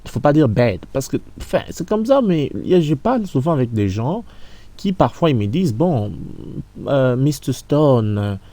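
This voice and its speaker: A man teaching English reading in French, repeating sounds and words slowly for learners to copy. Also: fairly high pitch, big pitch swings, dark tone, dry recording. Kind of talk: French-language pronunciation lesson.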